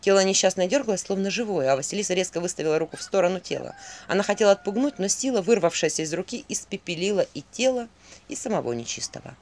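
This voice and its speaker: A woman narrating a spoken folk tale with an expressive, vivid storyteller manner. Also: mid-range voice, fast. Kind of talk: dramatic story reading.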